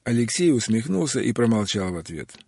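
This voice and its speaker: A man narrating an audiobook in a steady, measured read. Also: mid-range voice, vocal fry, breathy edge, no room sound. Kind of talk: scripted narration.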